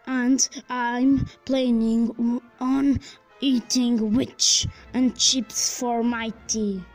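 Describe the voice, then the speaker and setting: A greedy, menacing storybook dragon, voiced by a woman reading aloud. He speaks in a high, slow, drawn-out way, savouring each threat. Soft music plays underneath. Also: little pitch movement.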